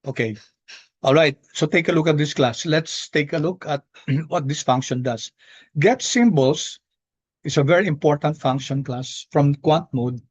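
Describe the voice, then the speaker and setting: A man's voice: fairly high pitch, no room sound. A man with a Filipino accent teaching an online coding class informally, often checking in with short tags. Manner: repeated check-in tags such as okay and no. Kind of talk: informal live coding lecture.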